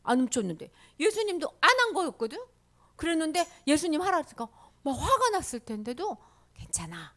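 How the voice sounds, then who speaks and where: A woman gives a children's sermon as a story, asking the kids questions and sometimes dropping into whispers. Her voice is high and bright, and it swings widely in pitch. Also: very animated, brisk.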